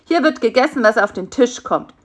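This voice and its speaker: A woman's voice: fairly high pitch, lively intonation, fairly quick, voice pushed up. A woman voicing a fat, scheming male spider who bosses his captive around with mock politeness. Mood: bossy.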